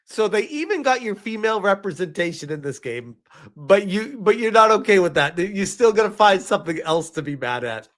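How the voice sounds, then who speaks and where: This man's voice sits high and a bit bright as he streams, offering informal commentary on gaming news. He comes across as incredulous, speaking in halting bursts with strong emphasis and asking rhetorical questions.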